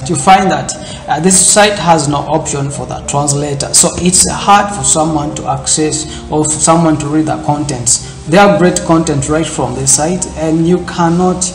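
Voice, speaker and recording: A man's voice: on the high side, normal speed, reverberant, faint music behind. A man hosting a screen-recorded tech tutorial, walking through steps in loose, repetitive phrasing with many fillers. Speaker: tutorial host. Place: indoor room, seen in corner webcam.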